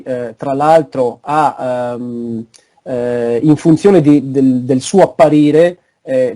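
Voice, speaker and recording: A man giving an online academic lecture over a video call, pausing often to search for words. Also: medium pitch, mellow. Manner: halting, frequent searching for words.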